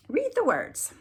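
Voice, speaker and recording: In a high, slightly husky voice, a woman reads a children's story as part of a lesson. She speaks with deliberate clarity and plays up the dramatic emphasis of a storybook.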